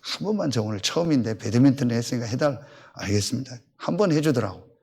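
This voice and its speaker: Male pastor, 50s, mid-pitched, lively up-and-down delivery, acts out dialogue in sermon anecdotes. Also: quick pace, creaky, breathy edge. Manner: animated storytelling, acting out both sides of conversations; blunt, colloquial.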